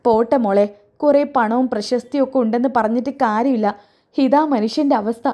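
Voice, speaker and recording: A woman voicing a kind old grandmother who fusses and scolds in a high, lively voice. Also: a little fast, close to an everyday voice. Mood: fond, scolding.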